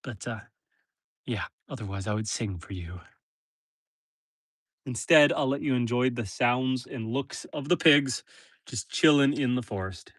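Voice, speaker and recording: Speaking a little slowly and pausing often, this stuffy-nosed homesteader from northern Canada livestreams from a forest pen, talking easily with his audience and animals. The man's mid-range voice sounds fairly bright, and the recording is clean and studio-like with no echo.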